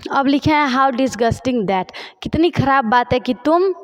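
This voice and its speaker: High-voiced woman teaching English slowly. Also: lively intonation, muffled recording. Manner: repeats phrases slowly while writing examples. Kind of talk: spoken English lesson explained in Hindi.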